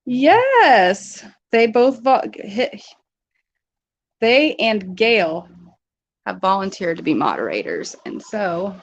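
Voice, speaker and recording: A woman's voice: mid-range voice, very animated, slow pace, lo-fi sound. A woman hosting a casual live stream from home, chatting with viewers, greeting them by name and laughing often.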